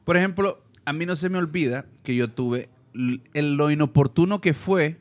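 Higher-voiced Honduran man hosting. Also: moderate pace. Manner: joking, leads the questions. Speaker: podcast host. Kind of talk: casual group chat.

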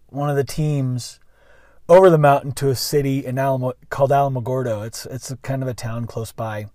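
A man's voice: medium pitch, darkish tone, dry recording. Rambling, chatty man on a dry mic. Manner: rambling, self-correcting, conversational. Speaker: school bus driver and vlogger. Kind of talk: casual storytelling monologue.

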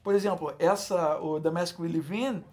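A man's voice: fairly high pitch, steady tone, normal speed. A man with a Brazilian Portuguese accent, a guest in a casual podcast chat who acts out quoted lines.

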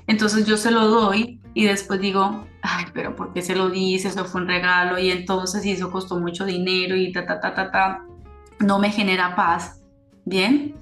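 A woman giving a spiritual teaching in a casual way, working through her thoughts and often checking in with tag questions. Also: medium pitch. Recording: roomy echoey sound.

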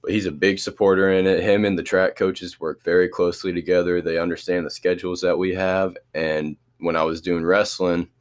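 Teen male athlete, very low voice, laid-back and halting in interviews. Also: little pitch movement. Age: teenager. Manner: easygoing, hesitant with many restarts. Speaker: student athlete. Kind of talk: casual interview answers.

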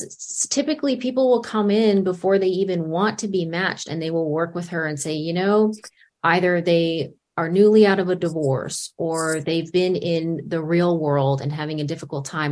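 A woman's voice: lowish voice, moderate pace, darkish tone. A woman in an interview, earnestly describing a colleague's work with clients.

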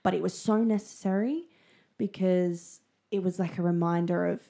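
A woman co-hosting a casual podcast chat, talking in an animated, chatty, sassy way with casual swearing. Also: lowish voice, normal speed, gravelly. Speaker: podcast co-host.

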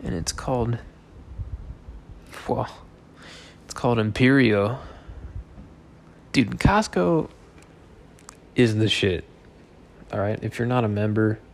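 A man's voice: on the low side, fairly even intonation, moderate pace, pauses often, slight background noise. A man in his thirties, a little drunk, rambling through a loose, joking monologue full of swearing. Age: 30s. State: tipsy.

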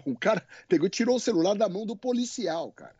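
Lively Brazilian man telling stories. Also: sits high, quick pace, husky, no room sound, lo-fi sound. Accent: Brazilian Portuguese. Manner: animated, colloquial storytelling with swearing. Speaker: guest. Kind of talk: casual podcast conversation.

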